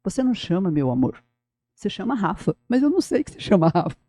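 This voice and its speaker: A middle-aged woman, a former school director telling stories in a podcast interview, animated and addressing the listener directly. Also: medium pitch, fast, no echo.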